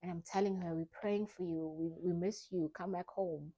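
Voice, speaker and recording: A woman softly telling a personal story of grief in a vlog, acting out her own past thoughts. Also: on the low side, fairly even intonation, moderate pace, husky, lo-fi sound. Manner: soft, reflective, grieving, re-enacting her own thoughts. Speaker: vlogger.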